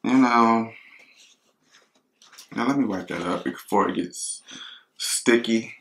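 A man chats on camera between bites, rambling and talking straight to his viewers. His voice is bright and forceful, and it rings through an echoey home kitchen. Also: on the low side, slow, slight background noise. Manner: chatty, rambling, talks to viewers as y'all. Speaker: mukbang vlogger. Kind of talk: casual chat while eating.

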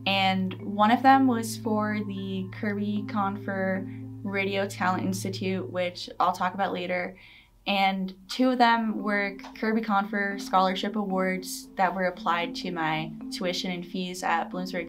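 A woman's voice: medium pitch, little pitch movement, unhurried. A young woman student answering interview questions earnestly and casually in a studio. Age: young adult. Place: studio in front of blue backdrop. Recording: distant mic with music underneath.

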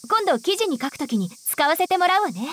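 A woman's voice: very high voice, very animated, fairly quick. A woman playing a confident, teasing young woman in a Japanese visual novel game, wry and playful. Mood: amused, approving. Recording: music under the voice.

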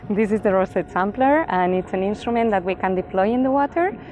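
A woman's voice: mid-range voice, brisk, darkish tone, a little hiss or hum. A woman scientist demonstrating a sampling instrument in careful, technical terms. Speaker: research scientist. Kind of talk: demonstrating equipment.

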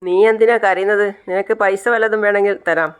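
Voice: medium pitch, fairly even intonation, fairly quick, smooth, close to an everyday voice. A narrator playing a distrustful older man who mocks and scorns the remorseful father in a retold serial. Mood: mocking. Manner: scornful, teasing.

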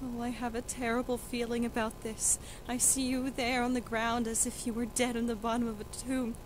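A woman's voice: a little high, level tone, moderate pace, slight background noise, close to an everyday voice, rough recording. A young woman playing a desperate, defiant young noblewoman who pleads and protests emotionally. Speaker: student actor in a school reading.

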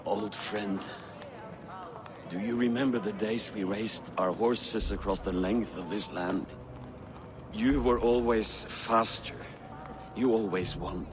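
An actor playing a grave veteran Viking warrior in a video game, solemn and entreating. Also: male voice, a little high, animated, unhurried, crowd noise. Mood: resigned, solemn. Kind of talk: dramatic video game acting.

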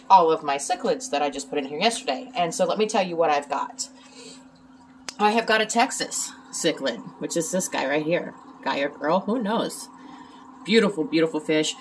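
A woman with a low voice talks casually beside her aquarium at home. She has the hiccups and keeps pausing with ums and little excuse-mes. A faint hum of room ambience sits behind her. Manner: halting, filler-heavy, with hiccups and throat clearing. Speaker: aquarium hobbyist vlogger. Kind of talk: casual vlog.

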